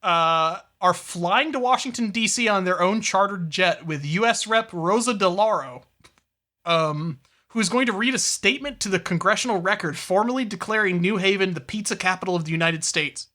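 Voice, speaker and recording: A man's voice: high voice, moderate pace, pushed and bright. A man co-hosting a podcast in casual, rambling, profane chat, now and then reading out news. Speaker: podcast co-host.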